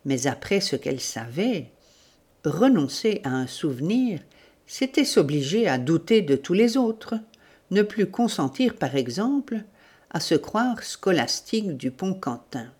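A woman narrating a literary novel in a measured, deliberate reading. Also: on the low side, sing-song, a little mellow, slightly rough. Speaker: audiobook narrator.

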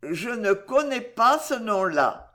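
A reader voicing a grown man driven mad, childlike and terrified, in an audiobook, with high, loud, frantic outbursts. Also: sing-song, takes it slowly, full character voice. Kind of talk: audiobook reading.

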